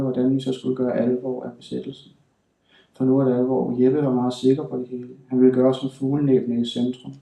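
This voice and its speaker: A man's voice: mid-range voice, gravelly, warm tone, recorded from a distance. Man reading in a roomy hall. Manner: measured, deliberate delivery with slow emphatic stretches. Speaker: author reading his own work. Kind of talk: literary reading. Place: reading hall at a writing school.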